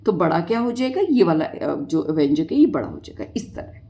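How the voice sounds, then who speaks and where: A woman's voice: low voice, very animated, moderate pace, gravelly, mellow, a little hiss or hum. A woman math teacher, explaining a lesson step by step and asking her students questions.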